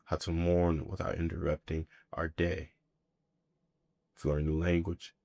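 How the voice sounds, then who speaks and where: Slow and contemplative, a deep-voiced man performs a spoken-word piece built from brief, heavy phrases. His tone stays level and somewhat dark, and the dry recording carries no sense of the room at all.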